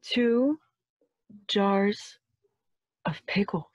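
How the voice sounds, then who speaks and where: A woman giving a dramatic reading of a parody carol with theatrical, deliberate phrasing. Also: mid-range voice, expressive, a little mellow.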